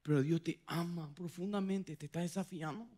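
A man preaching a sermon as pastor, dramatic, acting out quoted voices with big swings from loud to hushed. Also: a little high, steady tone, normal speed. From Paraguay. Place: church hall.

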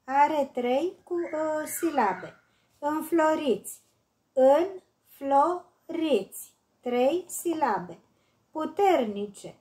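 A woman teacher with a high, light voice and a Romanian accent works through a children's workbook. She speaks slowly and carefully, repeating each word as if dictating to a class. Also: a little mellow. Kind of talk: reading and explaining a workbook lesson.

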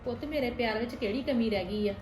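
Lady playing a gentle stepmom, pleading softly, slightly high voice, echoey room, faint music. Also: quick pace, lightly acted. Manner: soft, coaxing, affectionate pleading.

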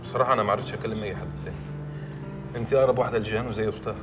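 An actor with an Egyptian accent playing an exasperated young newlywed husband in a TV drama. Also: male voice, on the low side, very fast, distant mic, lightly acted. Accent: Egyptian Arabic. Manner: pleading, then exasperated. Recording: music under the dialogue.

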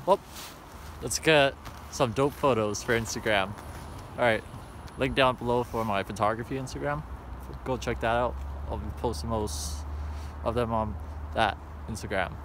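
A man's voice: medium pitch, normal speed, long pauses. A young man vlogging outdoors at night by a frozen river, cold and shivering, chatting casually and laughing often. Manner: relaxed, laughs often, exclaims at the view. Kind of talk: casual vlog chat. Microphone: handheld camera or phone. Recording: outdoor noise on a handheld camera.

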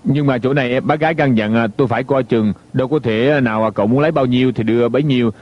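A man's voice: medium pitch, quick pace, close to an everyday voice. A man voicing a firm, loyal steward. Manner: polite but firm. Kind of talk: dubbed TV drama. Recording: dull lo-fi dub with music.

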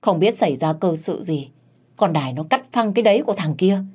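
A woman voicing a scheming old village mother-in-law who wails and scolds in a shrill voice. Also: lively intonation, a little fast, darkish tone, breathy edge. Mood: lamenting.

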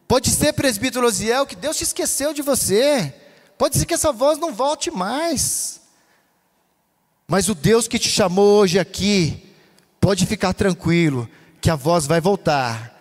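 A man's voice: high-pitched, expressive, unhurried. A man preaching a fervent sermon with a Brazilian Portuguese accent, his delivery rising into a chanting cadence. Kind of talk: pentecostal sermon. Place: church hall. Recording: long church reverb.

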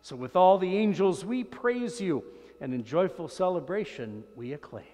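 An older man, a priest, reciting solemn liturgical prayers in a measured, reverent manner in a large echoing church. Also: high voice, lively intonation, warm tone. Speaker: priest celebrating Mass. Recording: long cathedral-like echo in large church.

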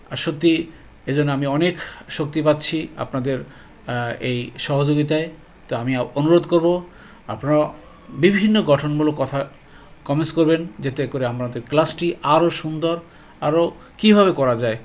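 A man teaching Arabic grammar for reading the Quran. He teaches lively, stresses his words, keeps asking whether it is clear, and slows down to read verses out. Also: on the high side. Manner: speaks slowly when reading out verses. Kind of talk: lesson on a video channel.

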